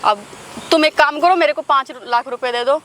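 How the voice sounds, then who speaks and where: A very high, bright-toned voice belongs to a desperate, demanding young mistress, played by a woman in a staged street skit. She swings between pleading and sharp demands. Faint traffic hums behind her in an outdoor park. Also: normal speed.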